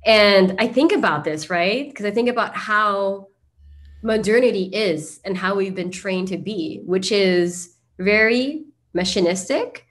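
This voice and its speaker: A woman hosting a summit interview speaks at a medium pitch, a little slowly. Her talk is spiritual in nature, and she muses aloud enthusiastically with plenty of fillers.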